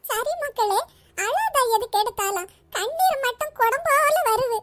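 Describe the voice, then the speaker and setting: Cartoon role: very high-pitched doting old grandmother, fond and teasing, voiced by a woman. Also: expressive, measured pace, fairly bright tone, exaggerated voice. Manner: fond, calls granddaughter dear, chuckling. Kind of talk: cartoon voice acting.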